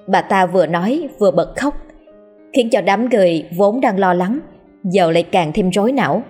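Husky woman narrating a ghost story. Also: mid-range voice, normal speed, soft background music. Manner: steady, dramatic storytelling. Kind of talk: scripted horror story narration.

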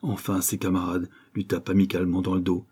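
A man's voice: low voice, completely flat delivery, fast talker, warm tone, husky. A man reading a novel aloud as an audiobook narrator, in an intense, dramatic delivery.

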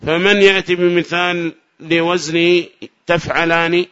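A man's voice: high-pitched, flat delivery, measured pace, fairly bright tone. A man teaching Arabic grammar to a class, praising answers and prompting students with questions. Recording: dull lo-fi recording.

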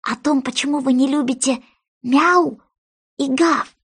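A woman's voice: sits high, measured pace, voice pushed up. A woman voicing a polite, dreamy little girl who talks earnestly.

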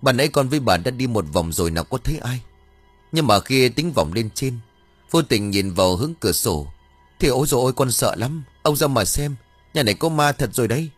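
A man voicing a frightened young servant in an audiobook ghost story, talking fast and deferentially. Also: medium pitch, big pitch swings, slightly rough, dry recording, soft background music.

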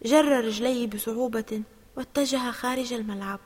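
A woman narrating a children's storybook in an expressive, steady reading voice. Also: a little high, moderate pace, long reverb tail.

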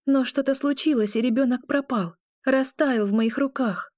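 A woman's voice: high-pitched, moderate pace, a little mellow, no echo, studio quality, pitched above the performer's own voice, natural voice. A woman voicing a frightened young woman waking from a nightmare, talking breathlessly and pleadingly. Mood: anxious. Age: young adult.

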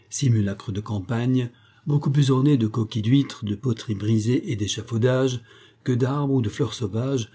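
A man narrating a Victorian novel as an audiobook, steady and measured. His voice is very dark and mellow, with a husky, breathy edge, at an ordinary middle pitch. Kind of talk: reading a Victorian novel aloud.

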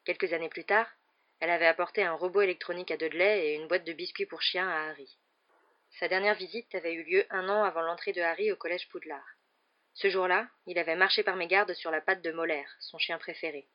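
Audiobook reader telling the story steady and even, dull muffled audio. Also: medium pitch, brisk. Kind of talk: scripted narration. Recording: dull lo-fi recording.

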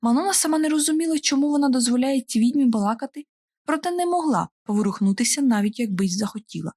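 A woman's voice: high-pitched, lively intonation, fast talker, mellow. Woman narrating an audiobook.

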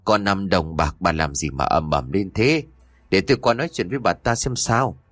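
A man voicing a greedy, hot-tempered son who snarls at his mother and plots in a low growl. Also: moderate pace, fairly bright tone, dry recording. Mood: angry.

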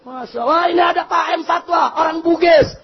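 A man preaching a fiery sermon to a congregation, shouting questions for the crowd to answer and turning calm and measured for prayers. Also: very high-pitched. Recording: muffled lo-fi recording.

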